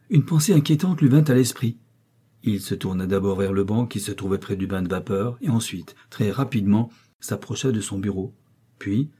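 A man narrating a classic story as an audiobook, with a measured, expressive reading. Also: on the low side, slightly rough.

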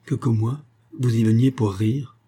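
A man's voice: mid-range voice, steady tone, mellow, slightly rough. A man reading a bitter young officer. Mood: grave. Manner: grave, measured, growing harsh.

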